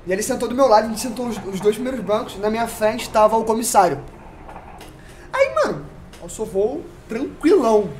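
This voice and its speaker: Animated Brazilian man telling a story. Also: very high-pitched, brisk, a little hiss or hum. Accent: Brazilian Portuguese. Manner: animated, full of slang and sound effects. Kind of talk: casual podcast storytelling.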